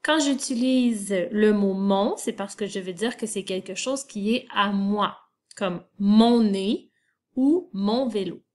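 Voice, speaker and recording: A woman gives a children's spelling lesson, spelling each word letter by letter. She speaks very slowly and patiently, in a mid-pitched voice. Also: darkish tone. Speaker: teacher.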